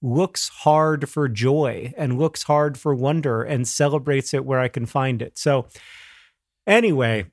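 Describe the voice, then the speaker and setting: A man's voice: medium pitch, measured pace, no room sound, studio quality. A man co-hosting a podcast in casual, earnest banter, with a thin, slightly tired voice that leans on repeated words for emphasis. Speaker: podcast co-host.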